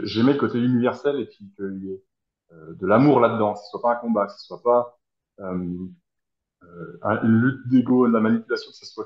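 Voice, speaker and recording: Thirties French guy on a roomy, dull-sounding video call, lower voice, thinks aloud and hesitates. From France. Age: 30s. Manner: reflective, hesitant, searching for words. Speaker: guest, helping professional. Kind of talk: personal interview answers. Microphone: video call from abroad.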